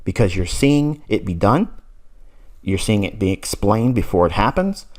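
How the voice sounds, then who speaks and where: This lowish, slightly mellow male voice moves at a moderate pace with lively intonation. The speaker, in his forties, is teaching a recorded trading mentorship lesson, insisting bluntly, repeating himself, and laughing briefly now and then.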